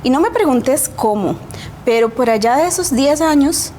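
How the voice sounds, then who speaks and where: Appearing as a guest on a TV talk show, a Costa Rican-accented woman earnestly recounts her own story, often tacking on a questioning tag. Her voice sits high and sounds animated and slightly mellow, moving at normal speed over faint background noise.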